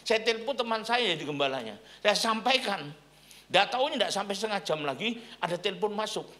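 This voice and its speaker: A man's voice: sits high, brisk. A middle-aged man pastor preaching a sermon, telling stories and asking the congregation questions. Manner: animated storytelling preacher, asks the congregation questions.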